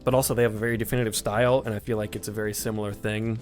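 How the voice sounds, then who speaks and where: A man's voice: on the low side, flat delivery, rapid-fire, a little mellow, soft background music. A man hosting a casual movie podcast, joking and riffing as he talks. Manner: joking, riffs into impressions. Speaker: podcast host.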